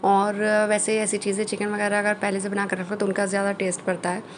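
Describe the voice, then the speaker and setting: Flat-voiced woman narrating her family vlog. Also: medium pitch, slight background noise. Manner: chatty, with frequent fillers and pauses. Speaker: family vlogger. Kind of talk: casual voice-over narration.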